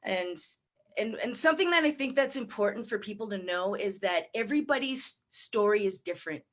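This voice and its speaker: A woman's voice: mid-range voice, lively intonation, fairly quick. A woman, speaking as a panel guest, emphatic and direct. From Canada. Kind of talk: panel discussion.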